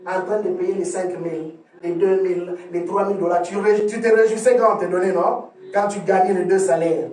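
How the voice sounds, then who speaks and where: A man pastor delivering a sermon, preaching emphatically with sudden swings from loud to soft and often repeating words as he restarts a phrase. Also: high voice, steady tone, a little fast, few pauses, far from the mic. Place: church hall. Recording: echoey room, voice from off the mic.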